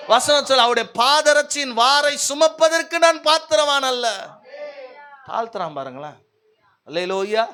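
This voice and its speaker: High, bright-voiced man preaching loudly. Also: smooth. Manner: calls often for amens and hallelujahs from the congregation; swings between loud declarations and low, quiet asides. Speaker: pastor. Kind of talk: sermon. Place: church service.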